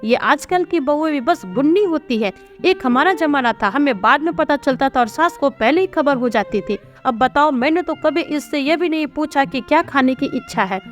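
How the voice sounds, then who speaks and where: A woman's voice: high voice, lively intonation, normal speed, faint music behind. A woman voicing a nagging, scolding older mother-in-law in a storybook reading. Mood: musing. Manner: sharp, complaining, scolding.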